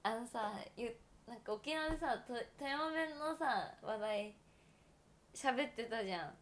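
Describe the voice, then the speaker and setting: A young woman in her twenties hosts a casual solo livestream, her voice pitched a little high. She rambles with plenty of fillers and giggles, chatting to her viewers. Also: animated, measured pace. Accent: Toyama Japanese. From Japan (Toyama). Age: 20s. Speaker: livestream host.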